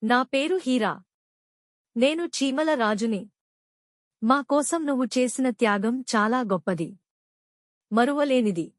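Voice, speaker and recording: A woman's voice: on the high side, animated, slow, long pauses, dry recording, studio quality. A woman voicing a small, grateful ant king in a storybook, speaking solemnly.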